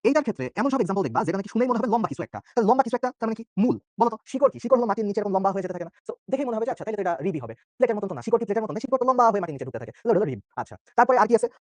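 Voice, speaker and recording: A man's voice: high-pitched, very animated, racing, few pauses, a little mellow, no echo. A young man from Bangladesh teaching an online exam-prep biology lecture, chatty and joking, often checking in with his students. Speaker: biology tutor.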